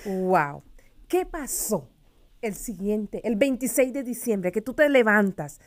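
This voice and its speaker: A woman's voice: medium pitch, very animated, slow pace. A woman hosting a radio interview, mostly giving brief affirming responses. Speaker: radio show host.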